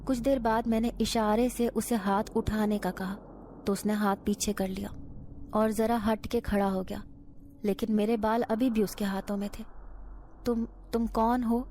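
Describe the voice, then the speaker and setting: A woman reading a first-person horror story aloud as scripted narration, in a steady storytelling manner. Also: mid-range voice, a little hiss or hum.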